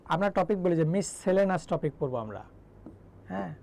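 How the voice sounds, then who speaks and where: A man's voice: sits high, lively intonation, moderate pace, creaky, darkish tone, slight background noise, low-quality recording. A young man from Bangladesh teaching English grammar in a live online class, chatty and joking as he quizzes students. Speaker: English tutor.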